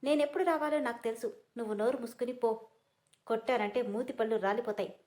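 Woman reading as proud hurt young woman, defiant, tearful, higher-pitched. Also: fast, a little mellow, natural voice.

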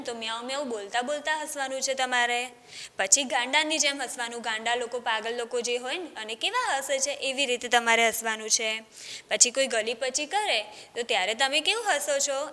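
A woman's voice: fairly high pitch, bright, forceful tone, long reverb tail. A woman teacher reading a story aloud to young children, stopping often to ask them questions. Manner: speaks directly to children, asking them questions.

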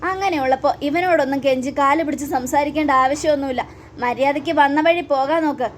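A woman's voice: high-pitched, quick pace, a little hiss or hum, lightly acted. A woman voicing an arrogant, hot-tempered young woman who talks scornfully and makes threats.

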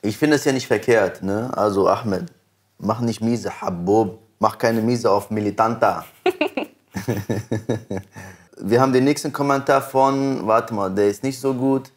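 A young man hosting in casual slang, haltingly searching for words as he goes. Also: lowish voice. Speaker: host reading out comments.

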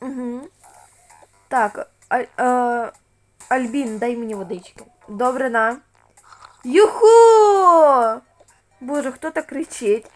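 Soft, slow female voice doing a game role-play. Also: fairly high pitch, faint music behind. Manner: soft-spoken, switching between cashier, parent and child parts. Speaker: channel host playing all parts.

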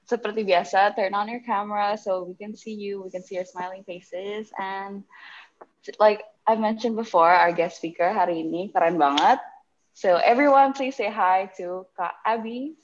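A woman's voice: mid-range voice, moderate pace, slight background noise. A young woman with an Indonesian accent hosts an online event casually and chattily, talking through a face mask. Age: young adult. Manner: informal, code-switching chatty delivery. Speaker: host of an online workshop. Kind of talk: casual bilingual event hosting. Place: public area, on a video call. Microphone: video call, masked mouth. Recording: dull, muffled video call audio.

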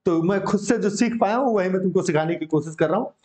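High-voiced encouraging teacher. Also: male voice, fast talker, darkish tone. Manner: encouraging, calls students beta, repeats words for drilling. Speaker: English vocabulary teacher. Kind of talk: online coaching class. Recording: dull lo-fi sound.

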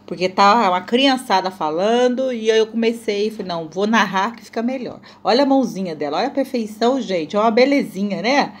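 A woman's voice: mid-range voice, lively intonation, a little fast, hardly any pauses. A woman from Brazil with a Brazilian Portuguese accent, narrating her cooking video in a chatty, playful, self-mocking way and addressing viewers often. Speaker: cooking vlogger.

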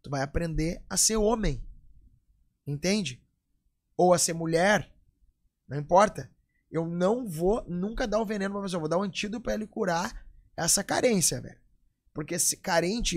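A man's voice: high-pitched, creaky. A man in his forties with a Gaúcho accent from southern Brazil, a jiu-jitsu coach talking emphatically and a bit preachily as a podcast guest. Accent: Gaúcho, Rio Grande do Sul. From Porto Alegre, southern Brazil. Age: 40s. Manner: emphatic, preachy, acts out quoted voices. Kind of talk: casual podcast chat.

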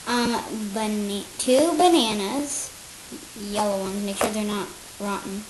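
A woman's voice: mid-range voice, unhurried. A female host chatting through a casual cooking demonstration at a kitchen table, hesitant with frequent ums. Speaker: host of a home cooking video. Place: home, at a kitchen table indoors. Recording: noisy home camera recording.

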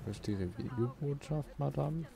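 Over noisy video game ambience, a let's player mutters and mildly swears through casual commentary. His medium-pitched, creaky voice moves at a normal speed.

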